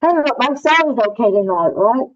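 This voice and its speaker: A woman's voice: on the high side, lively intonation, a little fast. A woman calling in to a public meeting over a muffled remote call audio line, chatty and friendly, checking that she can be heard. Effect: muffled remote call audio, like a headset mic. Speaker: online public commenter.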